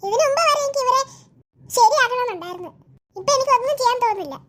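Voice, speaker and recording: A woman's voice: very high voice, animated, rapid-fire, fairly bright tone, a little hiss or hum. A woman with a Malayali accent voicing a lonely cartoon ghost who broods in a wistful monologue. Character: lonely, softening ghost who scared a baby. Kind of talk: cartoon voice acting.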